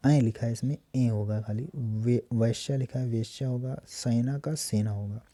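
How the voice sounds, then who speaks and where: A man teaching an exam-prep spelling lesson, reading out word after word in a steady, repetitive drilling manner. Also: mid-range voice, moderate pace, dry recording.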